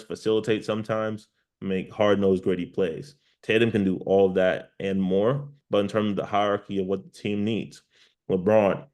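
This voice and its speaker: Male sports pundit, deep and flat in pitch, analytical, emphatic interview delivery. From New York. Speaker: sports journalist, interview guest.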